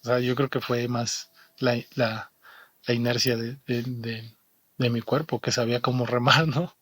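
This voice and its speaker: A young man from Mexico, telling his own story in a halting way, often repeating and restarting words. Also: medium pitch, steady tone, a bit bright, dry recording. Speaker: interviewed athlete. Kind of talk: personal testimony. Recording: faint music behind the voice.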